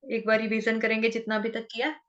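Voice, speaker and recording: A woman leads a chanting lesson, her high, bright voice unhurried as she patiently breaks down each syllable. The sound is slightly dull and lo-fi. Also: monotone. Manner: patient, explains pronunciation step by step. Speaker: Sanskrit recitation teacher. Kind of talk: chanting lesson with slow verse recitation.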